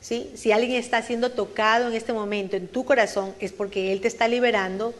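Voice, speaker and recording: A woman's voice: fairly high pitch, fairly even intonation, a little fast. A woman preaching a sermon at a church service, earnestly questioning her listeners and repeating phrases for emphasis. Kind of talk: Spanish-language sermon.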